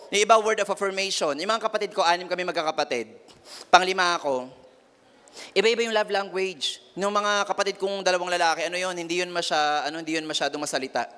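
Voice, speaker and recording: A young man giving a lively youth sermon as pastor, switching into voices of family members as he tells stories. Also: a little high, smooth. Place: church hall. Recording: long hall reverb.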